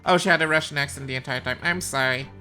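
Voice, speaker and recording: A woman's voice: deep voice, quick pace, bright, forceful tone, soft background music. A woman streamer chatting casually and reacting aloud while playing a game.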